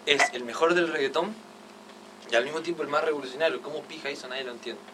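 A young man with an Argentine accent, chatting excitedly and casually, full of slang and fillers. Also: fairly high pitch. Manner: fast, excited, heavy slang, constant fillers. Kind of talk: casual chat. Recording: distant mic with faint noise.

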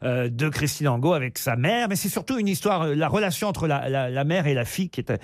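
A man hosting a lively radio panel show and quiz, bantering quickly and laughing often. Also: on the high side, no echo, clean studio sound.

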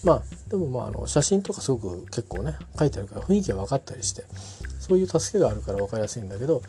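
A man's voice: medium pitch, big pitch swings, racing, warm tone, faint music behind. A man talking casually on his own, rambling with many fillers and self-corrections. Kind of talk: casual solo talk.

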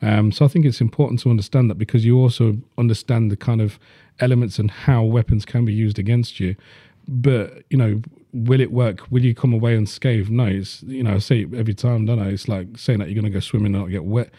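A man's voice: on the low side, steady tone, a little fast, few pauses, warm tone, no room sound, clean studio sound. A man, chatting bluntly on a podcast and swearing freely. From Leicester, England. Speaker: podcast host. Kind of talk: casual chat.

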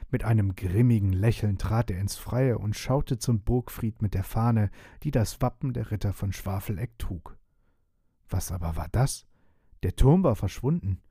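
A man reads a bedtime story in a calm, measured way. His voice is mellow and husky, and it sounds close and dry. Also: lowish voice, no room sound. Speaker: narrator.

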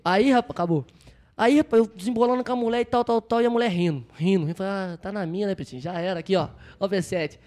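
A young man talks in quick bursts, his voice sitting fairly high. He tells his stories boastfully and with energy, slipping into the voices of the people in them. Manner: boastful, animated storyteller. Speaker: podcast co-host telling stories. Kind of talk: casual storytelling among friends.

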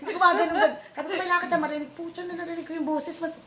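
A woman telling a personal story in casual chat, lively and quick to laugh, acting out what people said. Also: extremely high pitch, roomy sound, crowd noise. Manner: lively, animated, laughs often, acts out quotes.

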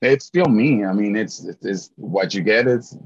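A man's voice: lowish voice, unhurried. A middle-aged man from Mexico with a Mexican Spanish accent, chatting with enthusiasm as a guest in an interview and often repeating words as he starts a thought. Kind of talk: casual interview chat. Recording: dull lo-fi sound.

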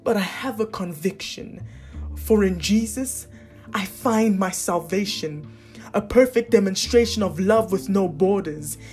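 A woman's voice: mid-range voice, faint music behind. Woman performing intense spoken word poetry. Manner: intense, dramatic, slowing to hushed endings.

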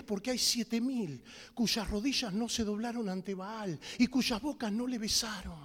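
Male preacher, very high voice, fiery delivery with shouted peaks, long hall echo. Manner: impassioned, bursts into shouted emphasis; tells humorous stories to the congregation. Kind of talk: sermon.

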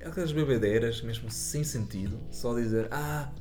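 A man's voice: on the low side, expressive, moderate pace, soft background music. A man from Germany with a German accent, chatting casually as a guest, hesitantly searching for words. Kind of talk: casual chat.

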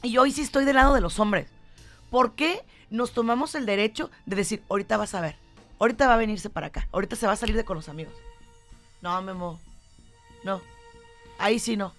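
A woman's voice: mid-range voice, fairly quick, pauses often, fairly bright tone, soft background music. A woman with a Mexican Spanish accent co-hosting a talk show, chatting casually and acting out quoted lines with animation. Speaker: radio show host.

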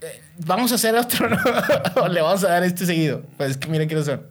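A man with a Mexican accent hosting a casual podcast chat, telling stories with loud exclamations, laughter and heavy slang. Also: sits high, animated, a little fast. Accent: Mexican Spanish. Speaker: podcast host.

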